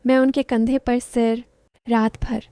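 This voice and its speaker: A woman narrating a first-person story in short, clipped phrases, soft and intimate. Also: on the high side, flat delivery, takes it slowly, clear, resonant tone, dry recording.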